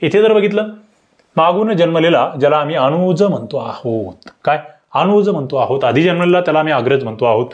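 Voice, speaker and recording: A man tutoring for government job exams, explaining grammar questions to viewers with rhetorical questions and sharp upward leaps in pitch on key words. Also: expressive, brisk, lo-fi sound. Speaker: exam-prep tutor. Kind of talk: online grammar lesson.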